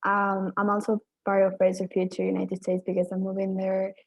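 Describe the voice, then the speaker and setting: Argentine woman, gravelly flat voice. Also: mid-range voice, brisk, dry recording. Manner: casual, trailing off. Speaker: climate activist, panelist.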